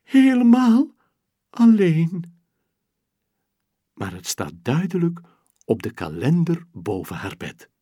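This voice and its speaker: A man reads a children's story aloud at an unhurried pace, lingering over each phrase. His voice is a little husky and moves through a lively range of pitch. The sound is close and dry, with no room around it. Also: no room sound. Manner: slow, expressive, gentle storytelling.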